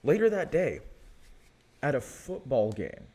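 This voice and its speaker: A young man with an American accent talks through history like he's chatting with friends. His pitch sits in an ordinary middle range but swings about a lot as he tells the story. He leans on fillers and keeps it loose and conversational. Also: big pitch swings, a little slow, warm tone. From United States. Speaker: history podcast host. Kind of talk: casual history talk.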